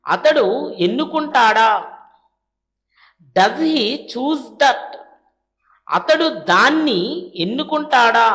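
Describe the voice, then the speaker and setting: A woman with a Telugu accent teaching spoken English, reading each practice question very slowly and then translating it. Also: sits high, fairly bright tone. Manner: reads English sentences very slowly, then Telugu translations; brisk asides to "friends". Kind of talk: language lesson drilling sentences.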